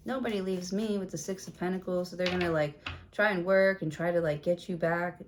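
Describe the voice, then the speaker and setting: A woman's voice: fairly low pitch, steady tone, brisk, background noise. A woman giving a casual tarot reading, blunt and chatty with plenty of swearing, in a room with a window open. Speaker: tarot reader.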